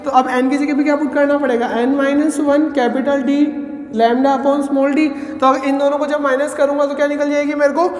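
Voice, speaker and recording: A man teaching a physics lesson in a high voice. He keeps asking the class questions and then answers each one himself. His voice rings through a roomy, echoing space with a long tail of reverb. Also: level tone, fast talker, few pauses. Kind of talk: classroom lecture deriving formulas.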